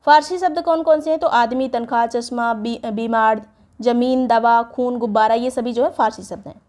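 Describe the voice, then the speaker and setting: Female teacher with a high voice, exam prep class, methodical, reads out word lists. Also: steady tone, normal speed, a little mellow. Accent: Hindi, North Indian. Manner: explains step by step, reads word lists aloud.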